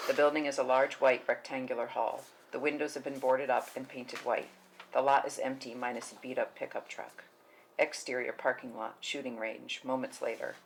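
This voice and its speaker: At a table read, a woman with an extremely low voice reads the stage directions of a screenplay as scripted narration. The audio is poor, with faint noise in the recording.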